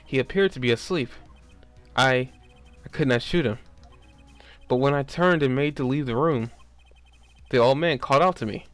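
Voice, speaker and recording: A man's voice: mid-range voice, normal speed, pauses often, soft background music, close to an everyday voice. Man acting out a gloomy, theatrical stage magician. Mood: confessional. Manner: grandiose, old-fashioned phrasing.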